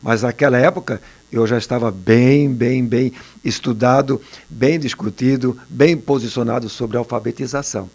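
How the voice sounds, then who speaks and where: An older man, a former teacher telling stories in a relaxed interview and often ending phrases with a tag question. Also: medium pitch, normal speed, hardly any pauses. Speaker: retired teacher and education adviser. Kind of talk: casual interview storytelling.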